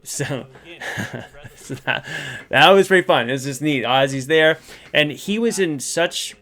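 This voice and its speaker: A man's voice: on the high side, animated, a little slow, fairly bright tone. Middle-aged man chatting casually, rambling along. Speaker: vlogger and creature actor telling behind-the-scenes story. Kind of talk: casual storytelling to camera.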